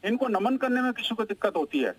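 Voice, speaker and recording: A high-pitched man argues his point on a televised panel. His talk is emphatic and insistent, and he cuts in on other speakers. He is heard over a remote line. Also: lively intonation, quick pace, breathy edge, low-quality recording. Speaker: panel guest. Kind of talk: heated TV debate.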